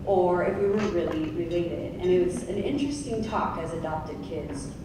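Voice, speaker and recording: A woman in her thirties speaks as a panelist in a large conference hall, candid and chatty with little asides, her voice a bit low. She is picked up from far off, with heavy room echo and steady background noise. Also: moderate pace. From Oregon, United States.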